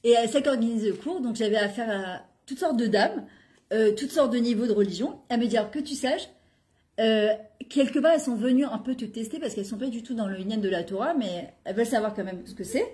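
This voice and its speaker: A middle-aged woman who weaves into her talk. She tells personal stories in a lively way and acts out the dialogue. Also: a little high, fast. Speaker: guest speaker on women's talk show. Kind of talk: animated personal storytelling.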